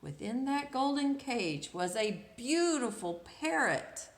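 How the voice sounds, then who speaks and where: This storyteller and children's read-aloud host has a voice on the high side and delivers her picture book very animatedly at an unhurried pace. She draws words out and poses questions to the kids, and the room around her echoes.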